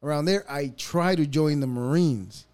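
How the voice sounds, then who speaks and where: Male host, thirties, from El Salvador; casual, stumbling, chatty, a touch high-voiced. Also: a little mellow. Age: 30s. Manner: halting, restarts often, laughs easily. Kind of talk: casual conversation.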